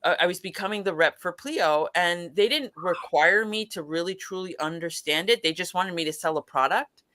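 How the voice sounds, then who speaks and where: A woman's voice: fairly low pitch, normal speed. Lady guest rambling thru a story, lots of restarts, acts out voices. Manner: animated, acts out quotes, many restarts. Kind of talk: casual storytelling chat.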